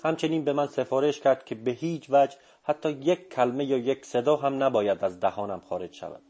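A man narrating a story in a calm, measured reading voice. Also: mid-range voice. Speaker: audiobook narrator. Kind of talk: scripted narration.

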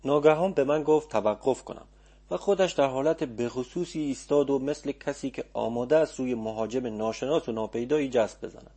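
A man narrates a story for an audiobook, calm and measured. His voice is mellow and warm with a husky edge. His pitch sits in a typical middle range.

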